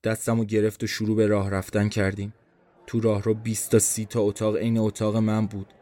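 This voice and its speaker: A man's voice: fairly low pitch, monotone, warm tone, no room sound. A man narrating a first-person story for a podcast he writes, in a tense, introspective inner-monologue manner.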